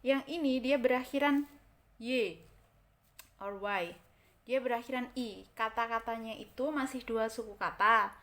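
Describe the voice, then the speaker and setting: A woman's voice: a little high, a bit bright. A woman with an Indonesian accent teaching English grammar. She repeats example words and keeps checking that her listeners follow. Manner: repeats example words slowly, checks understanding with "kan?" and "oke?". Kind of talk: explaining grammar in a recorded lesson.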